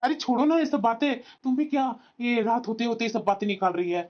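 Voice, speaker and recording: A woman's voice: fairly high pitch, steady tone, fast talker, lo-fi sound, heavy background noise, lightly acted. A woman voicing a young husband in a cartoon who brushes off his wife's worries. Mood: dismissive. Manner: dismissive, brushing off. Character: young husband, dismissive and tired. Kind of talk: cartoon voice acting.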